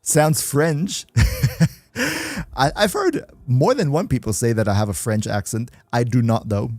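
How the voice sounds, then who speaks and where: A young German man with a German accent hosts a casual gaming livestream, chatting with viewers and reading chat between laughs. His mid-range voice is slightly mellow, with lively intonation and an unhurried pace, recorded without echo. He answers chat and laughs often.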